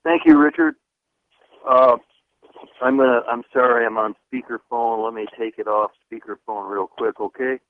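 A male caller heard through a speakerphone, his voice distant and tinny like a narrow phone line. He speaks at a middling pitch in a hurried, apologetic way. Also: sing-song. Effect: heard over a speakerphone. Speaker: caller to a radio show.

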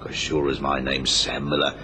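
A proud old village fisherman in a vintage radio play. The voice is very low, blunt and folksy, ready for an argument, and sits in a clearly noisy old recording. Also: completely flat delivery, normal speed, sharp tone. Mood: grave warning. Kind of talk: old radio drama acting.

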